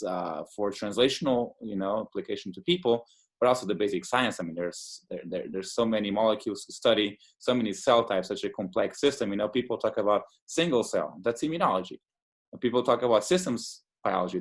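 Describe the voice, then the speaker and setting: A lowish-voiced man, the immunologist guest from Portugal in his thirties, speaks eagerly during an easygoing interview. His talk is full of fillers and restarts.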